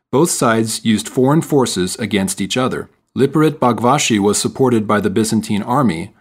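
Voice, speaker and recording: A man reading texts and task instructions for a listening exam in a measured, formal way. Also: medium pitch. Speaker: exam narrator. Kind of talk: scripted narration for a listening test.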